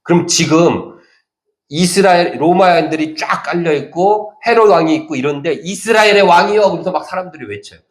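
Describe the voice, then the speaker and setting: A man's voice: fairly high pitch, a little fast. A man preaching a sermon as pastor, talking animatedly and acting out the lines he quotes. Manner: animated, acts out quoted speech. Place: church sanctuary. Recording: echoey church hall.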